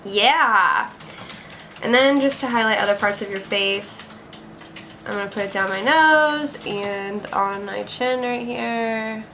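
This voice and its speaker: A woman's voice: fairly high pitch, a little slow, fairly bright tone, a little hiss or hum. Chatty young woman doing a makeup tutorial. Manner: chatty, upbeat, lots of "like" and "gonna". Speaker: beauty vlogger. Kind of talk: casual makeup tutorial talk-through.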